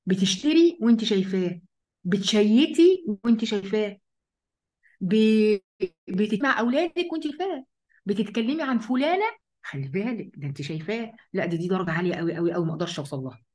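A woman with an Egyptian accent giving a Quran study lesson, lively, asking and answering her own questions and speaking directly to her female listeners. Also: medium pitch, quick pace. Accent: Egyptian Arabic. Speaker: religious teacher.

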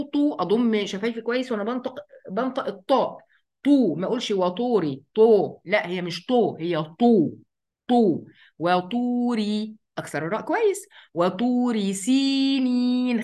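Chatty Egyptian woman teaching Quran recitation. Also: fairly high pitch. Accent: Egyptian Arabic. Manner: chatty, asks and answers her own questions; recites verses slowly. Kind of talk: tajweed lesson.

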